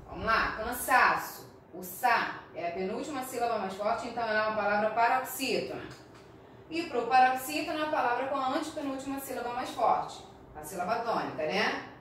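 A woman primary school teacher with a Brazilian accent, slowly and patiently explaining a recorded class lesson and often checking in with her pupils. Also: on the high side, animated, fairly bright tone, a little hiss or hum. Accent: Brazilian Portuguese. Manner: slow, patient, frequent check-ins with the class. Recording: echoey room, mic at a distance.

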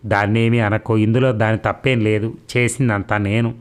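A man's voice: fairly low pitch, flat delivery, normal speed, smooth, natural voice. A man reading the lines of a proud, headstrong young woman in his own plain voice. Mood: insistent.

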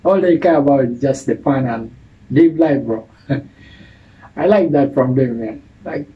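A man's voice: mid-range voice, lively intonation, measured pace, lo-fi sound. A young man from Uganda hosting a reaction video, chatting casually with slang, laughing, and saying "you know" and "bro" a lot. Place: small indoor studio room.

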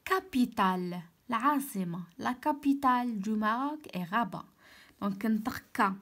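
A woman's voice: on the high side, a bit bright, breathy edge. Patient Moroccan woman teaching French. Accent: Moroccan Arabic. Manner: patient, repeats each word slowly and explains. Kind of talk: online lesson explaining French spelling.

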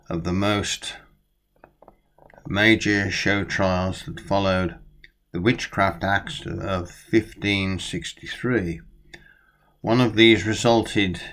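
A man's voice: lowish voice, fairly bright tone. An older man at home talking about a book and reading from it aloud with storyteller relish, recorded on a close-up webcam. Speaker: vlogger reviewing a book. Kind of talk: casual talk and reading aloud. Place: small room at home, indoors.

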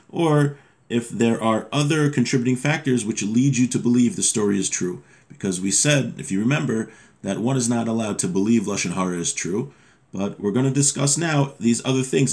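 A man in his thirties, a religious teacher, sits at his desk in a small home room giving an informal lesson. He reads text aloud and explains it haltingly, correcting himself as he goes, in a medium-pitched, slightly mellow voice.

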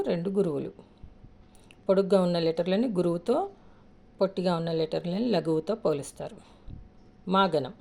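A woman's voice: fairly low pitch, vocal fry, mellow. A woman teaching a lesson step by step, patiently counting syllables aloud and asking questions she then answers herself.

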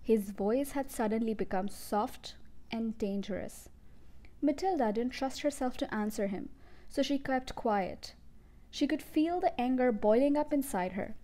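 A woman reading a children's book aloud in a steady, clear storytelling manner. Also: a little high, a little slow.

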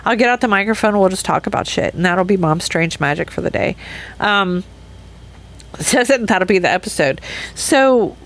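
A woman in her fifties talking alone on her own podcast, at an ordinary middle pitch. She rambles candidly and restarts her thoughts often, laughing as she goes. The chat is loose and unscripted, with nothing staged about it. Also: animated, moderate pace. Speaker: podcast host. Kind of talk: casual solo podcast chat.

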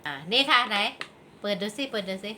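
A woman's voice: mid-range voice, lively intonation, a little fast, pushed and bright. A woman casually chatting with young children as she hosts a tasting, playfully prompting them with questions, exclamations and little sing-song fanfares. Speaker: host guiding children through a candy tasting. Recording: clear background noise.

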